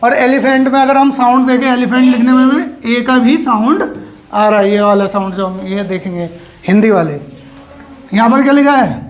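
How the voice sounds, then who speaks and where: A woman teacher, giving a grammar lesson to children in a classroom. She asks questions and answers them herself, stretching out key words. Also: on the high side. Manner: drawn out, slow words for emphasis.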